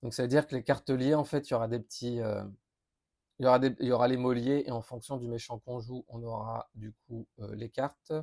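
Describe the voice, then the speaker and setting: In a loose, chatty preview, a board game YouTuber thinks aloud through new game cards, reading each one, stumbling, correcting himself, restarting, using lots of fillers and reacting as he works it out. His middling-pitched voice is brisk and darkish, with fairly even intonation.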